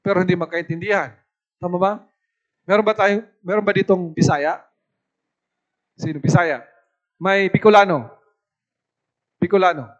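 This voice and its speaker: A man from the Philippines preaching at a youth camp as an evangelist, lively and often asking his listeners for agreement. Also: high-pitched, normal speed, pauses often, muffled recording. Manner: lively, asks the audience "tama po ba" often.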